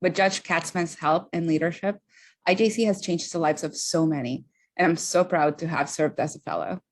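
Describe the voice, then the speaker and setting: A woman's voice: on the low side, normal speed. Earnest Honduran-born woman giving a speech. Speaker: supervising immigration attorney. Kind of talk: prepared speech at an event.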